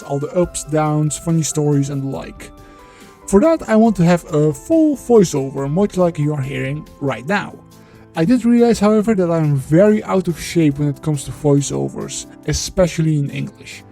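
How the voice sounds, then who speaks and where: Narrating a devlog voiceover through a voice changer, a man speaks bluntly and swears freely, turning loose and halting once he strays from his script. The disguised voice sounds a little high, creaky, and warm.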